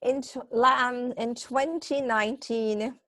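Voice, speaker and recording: A woman's voice: a little high, steady tone, takes it slowly, fairly bright tone, dry recording. A middle-aged woman from Guyana, a guest talking about recycling in a friendly, chatty way on a live video call.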